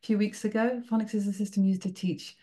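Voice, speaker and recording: On a video call, a middle-aged British woman from the United Kingdom gives teachers an online workshop, talking fast in a dark, medium-pitched voice with fairly even intonation. She stays friendly and encouraging, regularly checking in with "okay?".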